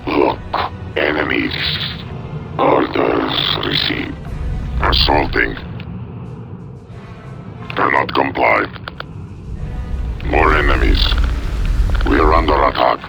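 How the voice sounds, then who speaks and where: A man voicing a gruff alien soldier in a video game, barking terse, guttural, obedient battle replies in simple broken phrases. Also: a bass voice, slow, long pauses, sharp tone, heavily acted. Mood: gruff, martial. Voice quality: guttural, gravelly. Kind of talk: video game unit responses. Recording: music behind the voice.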